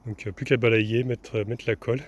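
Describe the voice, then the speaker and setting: This is casual DIY narration from a young vanlife vlogger who keeps talking while he works, some of it on his camper van roof outside, and he's chatty with frequent fillers and restarts. His mid-range voice is brisk, flat and slightly rough. The sound quality is lo-fi.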